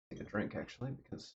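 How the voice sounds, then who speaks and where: A man livestreaming as he paints a miniature, thinking aloud in a relaxed way with lots of fillers, his throat a bit dry and rough. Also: fairly low pitch, dull audio, a little hiss or hum. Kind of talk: casual livestream chat. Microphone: desk mic with noise gate.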